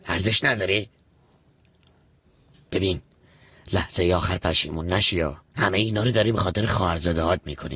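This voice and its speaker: Scheming swindler, persuasive and smug. Lowish, bright, slightly husky voice. Dubbed series. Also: male voice. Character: scheming man, sly con artist. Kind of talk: dubbed TV drama.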